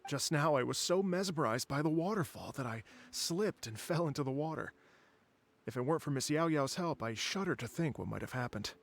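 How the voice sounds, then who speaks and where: A gentle, gravelly traveling musician. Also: male voice, a little high, animated, a little fast. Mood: polite. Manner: gentle, courteous, wistful. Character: wandering male musician, polite and dreamy. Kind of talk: video game dialogue.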